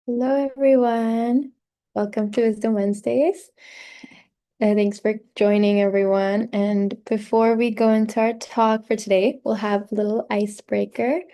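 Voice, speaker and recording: A woman's voice: a little high, flat delivery, normal speed, mellow. A woman hosting an online group session over a video call. She talks in a casual, friendly way and uses a lot of filler ums. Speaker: host.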